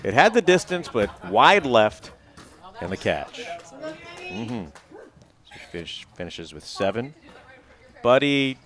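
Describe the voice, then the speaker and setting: A man's voice: fairly low pitch, sing-song, unhurried, long pauses, fairly bright tone. An American man giving live play-by-play sports commentary. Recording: noisy outdoor event ambience.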